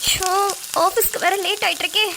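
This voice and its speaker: A woman's voice: very high voice, fairly even intonation, a little fast, gravelly, background noise. A woman voicing a sarcastic, fed-up young daughter-in-law in a cartoon, grumbling under her breath. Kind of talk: cartoon voice acting.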